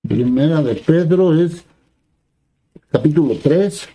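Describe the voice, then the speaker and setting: A man's voice: on the high side, animated, slow pace, dark tone, slightly rough, highs cut off. A man preaching a sermon who reads scripture aloud and then explains it in plain conversational words, often asking the listeners brief questions.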